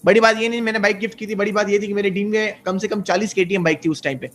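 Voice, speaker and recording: A man's voice: sits high, fairly even intonation, very fast, a bit bright. A man in his twenties, a network marketing guest, giving an earnest and persuasive motivational interview. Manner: earnest, persuasive, mixes English terms.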